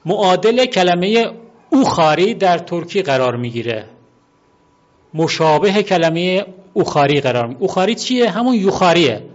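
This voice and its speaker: Man explaining word origins, muffled recording. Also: high voice. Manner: unhurried and explanatory, often pauses to repeat and spell out words. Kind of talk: explanatory monologue. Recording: dull lo-fi recording.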